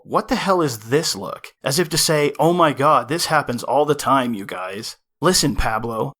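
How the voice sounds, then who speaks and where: A man's voice: on the high side, fairly bright tone. A man from the United States delivering scripted commentary, sarcastic and scornful as he lectures. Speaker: commentary video host.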